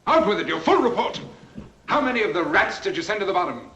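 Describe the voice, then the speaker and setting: Blustering old pirate governor, high bright voice. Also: male voice, very animated, fast, muffled recording, a little hiss or hum, full character voice. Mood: triumphant, hearty. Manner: bombastic, theatrical, colorful oaths. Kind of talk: 1940s Hollywood swashbuckler film acting. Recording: 1940s film soundtrack, faint music behind.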